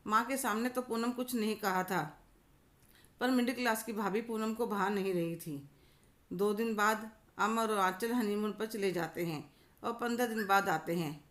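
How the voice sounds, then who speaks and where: Calm woman storyteller. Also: medium pitch, moderate pace. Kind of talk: scripted story narration.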